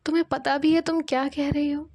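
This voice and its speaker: A caring young best friend with a high voice who speaks frankly and coaxingly, read by a woman narrator. Her tone is mellow rather than bright. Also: flat delivery, a little fast, lightly acted. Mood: advising. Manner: coaxing, advising.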